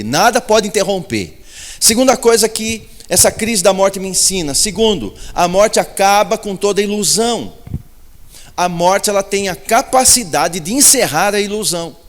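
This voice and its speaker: High-voiced preacher in an echoing hall. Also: male voice. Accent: Brazilian Portuguese. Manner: repetitive, emphatic preaching with rhetorical questions. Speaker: pastor. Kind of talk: sermon. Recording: long hall reverb.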